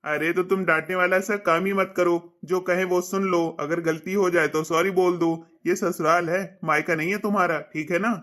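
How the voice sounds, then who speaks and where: A woman's voice: lowish voice, fairly even intonation, normal speed, few pauses, a bit bright, pitched below the performer's own voice, lightly acted. A woman voicing a stern young husband who firmly lectures his wife, in a family skit. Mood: lecturing. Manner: firm, lecturing.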